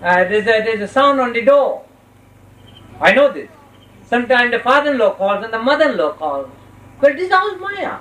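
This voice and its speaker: A spiritual teacher giving a religious discourse with parables, speaking instructively and slowly in short phrases with deliberate pauses. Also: medium pitch, sing-song, a bit bright. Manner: instructive, checks listeners' understanding. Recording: roomy, distant mic with faint noise.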